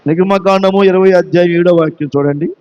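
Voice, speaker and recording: A man's voice: high voice, fairly even intonation, quick pace, darkish tone, clear, resonant tone, big-room sound, dull audio. A man with a Telugu accent preaching a sermon, emphatic and repeating phrases, asking his listeners question after question. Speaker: pastor.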